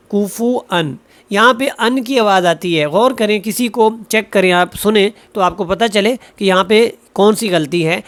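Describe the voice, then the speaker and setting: A man teaching Quran recitation. He explains common mistakes patiently, checks in with his listeners often, and recites each verse slowly with drawn-out vowels. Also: sits high. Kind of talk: tajweed lesson, explaining and reciting.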